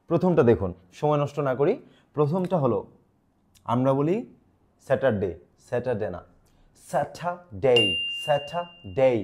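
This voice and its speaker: A man teaching English pronunciation in a lively, encouraging way, repeating words for the listener to copy. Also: mid-range voice. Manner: drills words aloud, animated and encouraging. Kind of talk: pronunciation lesson.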